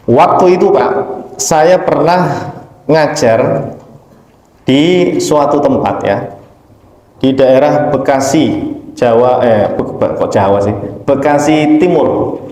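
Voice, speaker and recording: A man's voice: mid-range voice, mellow. A man preaching a conversational study lecture, telling a story with animation and often addressing his listeners directly. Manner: emphatic, rising sharply on key points. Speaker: Islamic preacher. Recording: echoey hall with long reverb.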